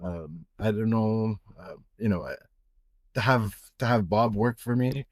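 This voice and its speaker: A man's voice: on the low side, a little slow, darkish tone, no room sound, clean studio sound. A middle-aged man from Egypt, a watch retailer, talking casually in a podcast interview with many fillers and restarts.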